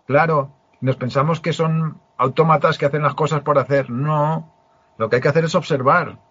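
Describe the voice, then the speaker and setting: Husky-voiced man telling a story. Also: a little high, fairly even intonation, normal speed, fairly bright tone, no echo. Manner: storytelling, emphatic with frequent restarts. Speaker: podcast host. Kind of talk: casual conversation. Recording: muffled lo-fi sound.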